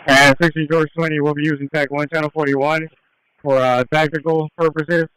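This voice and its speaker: A male police officer talking over a scanner radio, halting as he searches for his words. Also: a little high, flat delivery, a bit bright, smooth, dry recording, low-quality recording. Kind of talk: unscripted radio transmission.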